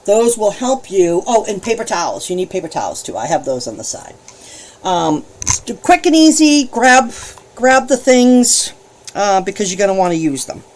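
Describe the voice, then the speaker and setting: Bubbly chatty woman with a lively voice. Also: mid-range voice, moderate pace. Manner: bubbly, chatty, laughs often, calls viewers girl and girlfriend. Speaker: alcohol ink painting host. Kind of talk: casual live-stream painting demo.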